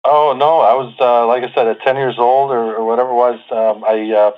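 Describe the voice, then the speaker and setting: A man's voice: medium pitch, fairly even intonation, fairly quick. Man in his 40s on a tinny line. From Lebanon. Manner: chatty, self-deprecating, many fillers and restarts. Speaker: guest. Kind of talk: casual interview talk.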